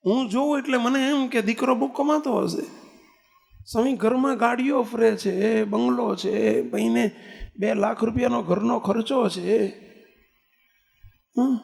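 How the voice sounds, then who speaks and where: In a temple assembly hall, a swami from Gujarat, India, preaches a sermon, asking rhetorical questions and telling stories with quoted dialogue. His voice is extremely high-pitched and gravelly with a darkish tone, delivered at a measured pace with long pauses.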